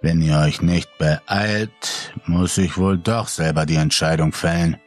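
A man voicing a cruel male intruder who taunts his captives in a slow, sneering way, with a husky voice. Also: sits low, soft background music. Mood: menacing.

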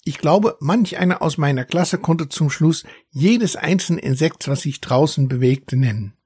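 A man's voice: a little high, measured pace, husky, no echo, studio quality. A man doing a proud, grumbling young dragon. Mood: indignant boasting. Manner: indignant, lively storytelling.

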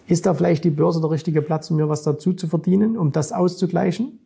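A man's voice: fairly high pitch, fairly even intonation, brisk, vocal fry, mellow, breathy edge. A middle-aged man, a finance coach, talking casually to camera and keeps checking in with the viewer. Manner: direct, keeps addressing the viewer with "ne?" and "So.". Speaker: finance and stock-market coach.

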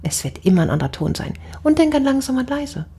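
A middle-aged woman in a casual conversation, telling stories with lively, animated swings of pitch. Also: quick pace, creaky, slightly rough. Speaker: wedding speaker and officiant.

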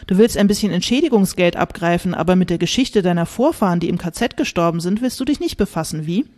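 A woman's voice: on the low side, expressive, fast, a little mellow, natural voice. A woman reading from her novel, voicing a pushy, blunt woman who accuses others. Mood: accusing. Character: brash blunt middle-aged woman, accusing.

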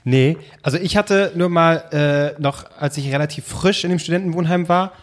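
A man's voice: fairly high pitch, moderate pace. A young man telling a story in casual chat, rambling and hesitant, often breaking into laughter.

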